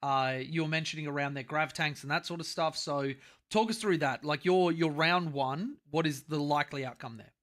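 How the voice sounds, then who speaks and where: A man with an Australian accent hosting a casual gaming podcast over a call, animated and swearing casually. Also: on the high side, normal speed. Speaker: podcast host.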